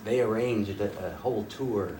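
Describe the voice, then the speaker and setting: An older male folk fiddler from rural northwest North Dakota gives a talk, telling stories casually to a small audience in a fairly low voice at normal speed. He's rambling and folksy, with frequent uh's and restarts. The mic is across the room, picking up faint room hum.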